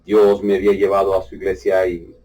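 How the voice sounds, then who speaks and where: A husky man preaching a testimony sermon, his voice rising in fervent bursts and dropping to hushed tones. The mic sits some distance away, so he sounds a little removed. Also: sits low, completely flat delivery, fairly quick. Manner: fervent, swinging between loud outbursts and hushed tones.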